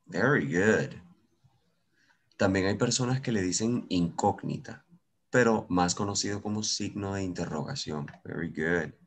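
A man's voice: low-pitched, unhurried, breathy edge. A man with a Venezuelan accent teaching English in an online class, switching between Spanish and English, patient and encouraging.

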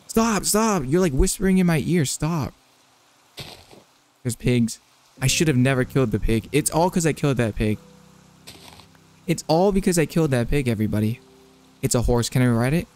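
A young man giving excitable, jumpy commentary while playing a video game and talking to his chat. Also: medium pitch. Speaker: gaming streamer. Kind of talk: live gameplay commentary.

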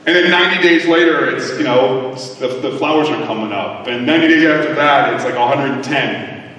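A man giving a conference talk to a live audience, joking and tossing quick asides to the crowd. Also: mid-range voice, a bit bright, slight background noise. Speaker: conference speaker. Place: large conference hall. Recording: echoey hall from far off.

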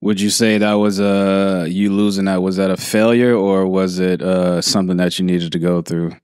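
A man hosts a relaxed interview and asks blunt, curious questions with casual swearing. His voice sits low and comes through clear and smooth. The sound is close and dry. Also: moderate pace, no room sound. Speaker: podcast host.

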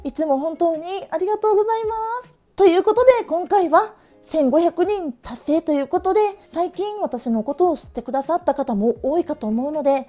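Speaking in a high voice with a dark tone, this late-thirties woman from Tokushima, Japan, talks casually to camera for her stationery vlog. Her Awa-dialect accent colors the cheerful chat, which is full of frequent laughter.

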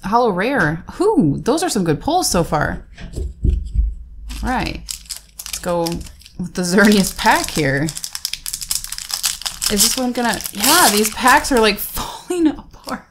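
A woman's voice: mid-range voice, sing-song, takes it slowly, pauses often, noisy background. A woman hosting a casual card-pack unboxing, chatting and naming each card aloud with easy laughs. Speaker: host opening trading card packs.

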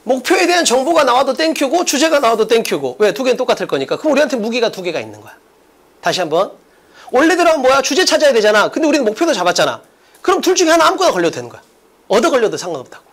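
In a very high-pitched, slightly bright voice, a man races through an energetic English exam lecture with intense animation. Blunt, casual, and emphatic, he keeps quizzing his students with rhetorical questions.

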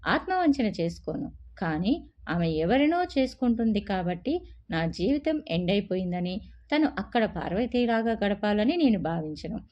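A woman voicing a young man who speaks in a measured, reflective way. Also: medium pitch, very animated, darkish tone, natural voice. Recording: dull lo-fi recording.

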